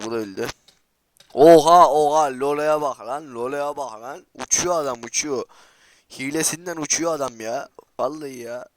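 Excitable trash-talking man gaming. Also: mid-range voice, dry recording. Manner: repeats words in rapid bursts. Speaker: gaming channel host. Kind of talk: live gameplay commentary.

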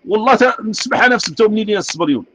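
A man's voice: high-pitched, lively intonation, racing, fairly bright tone, dry recording, rough recording. A man with a Moroccan Arabic accent, delivering an angry, repetitive rant full of rhetorical questions. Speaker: street artist speaking out. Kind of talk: impassioned rant.

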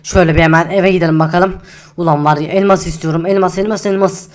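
A woman's voice: lowish voice, fairly even intonation, fast talker, a little mellow, natural voice. A woman voicing a greedy, hot-tempered male diamond miner in a game role-play, who curses and grumbles and repeats himself over and over. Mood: frustrated. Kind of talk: Minecraft role-play acting.

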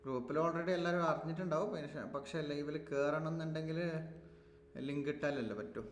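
A man's voice: a little high, brisk. A man with a Malayali accent hosting a casual live stream, chatty and reassuring, repeating himself as he sorts out tech problems. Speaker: YouTube live stream host. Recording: echoey room with long reverb, faint noise.

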